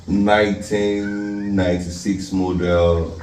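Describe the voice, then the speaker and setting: Guy with a really low voice, easygoing, kinda far off in an echoey room. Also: flat delivery, slow pace, over loud music. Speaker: vlogger's husband. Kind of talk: casual chat. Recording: echoey room, off-mic, faint hum.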